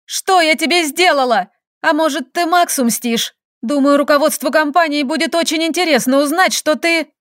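A woman's voice: high-pitched, lively intonation, slow, a bit bright, dry recording, studio quality, pitched above the performer's own voice, heavily acted. A woman voicing a hurt, furious young heroine who speaks in tearful, accusing outbursts in an audiobook.

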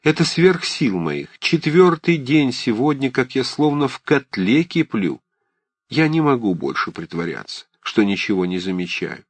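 Brief: agitated old aunt, blunt and fussy, raised and lively, dry close sound, a male reader putting her on. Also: mid-range voice, a little slow, breathy edge, no echo, voice pushed up. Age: older. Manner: agitated, scolding, emphatic. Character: fussy, blunt elderly aunt, warm-hearted. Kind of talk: audiobook character reading.

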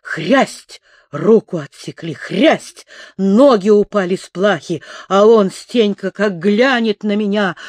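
Reader plays a crazed young soldier, frantic broken outbursts, slow heavy delivery, dry close sound. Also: mid-range voice, no room sound. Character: raving, terrified young male soldier gone mad. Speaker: imprisoned musketeer.

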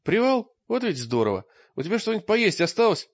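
A man voicing a cheerful, naive and stubborn young male singer in a high, eager voice, recorded with a dull lo-fi sound. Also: very animated, a little fast, no room sound, heavily acted.

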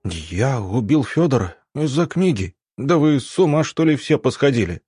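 A man's voice: mid-range voice, sing-song, normal speed, a little mellow, husky, dry recording, studio quality, voice pushed up. A man voicing a panicky, indignant young male medic who protests in agitated outbursts.

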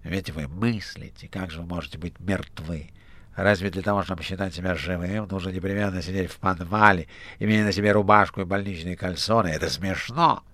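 Sly, coaxing male demon in an audiobook, read by a man, very low with a sharp, bright edge. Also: steady tone, brisk, no echo. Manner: soothing, gently mocking. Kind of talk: audiobook character voice.

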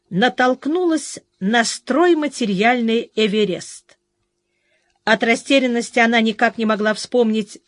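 A woman narrating an audiobook in an even storytelling manner. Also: a little high, dry recording. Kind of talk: scripted narration.

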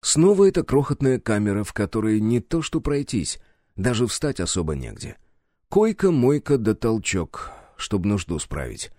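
A man's voice: fairly low pitch, normal speed, dry recording, clean studio sound. Man narrating a wry first-person audiobook. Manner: wry, sardonic, lively storytelling.

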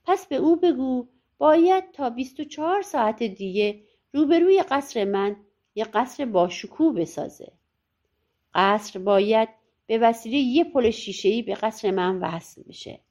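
A woman voicing a proud, short-tempered old king in a storybook audiobook, speaking slowly and scornfully. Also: mid-range voice, expressive, a little mellow, voice pushed down. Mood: mocking.

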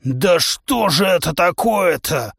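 Man doing a hot-tempered musk-ox brute, bellowing, pitched up, dry close sound. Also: expressive, slow pace, gravelly, fairly bright tone, husky, no echo, exaggerated voice. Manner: bellowing, blustering drill-sergeant delivery. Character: huge hot-tempered male musk-ox humanoid club trainer. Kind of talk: audiobook character voice.

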